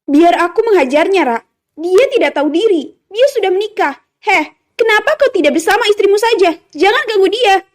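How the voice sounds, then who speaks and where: Woman voicing a furious jealous young man, shouting, high-pitched, audio story. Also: fast, lightly acted.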